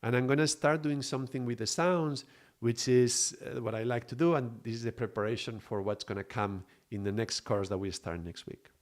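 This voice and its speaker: A man from Mallorca, teaching on a spiritual live stream in an unhurried, reflective way and greeting viewers. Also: medium pitch. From Mallorca, Spain. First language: Spanish.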